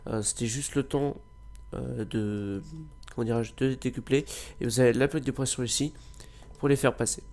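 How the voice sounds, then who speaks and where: Despite having a cold, this man narrates gameplay at a moderate pace in a mid-range, slightly mellow voice with fairly even intonation. He makes gameplay videos, and his commentary is loose and rambling, full of hesitations and filler sounds.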